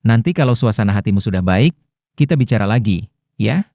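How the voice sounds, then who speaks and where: A man's voice: lowish voice, lively intonation, a little fast, a little mellow, dry recording, dull audio. An actor dubbing a pushy man who wheedles and pesters his boss. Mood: wheedling. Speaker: dub actor. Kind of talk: dubbed drama acting.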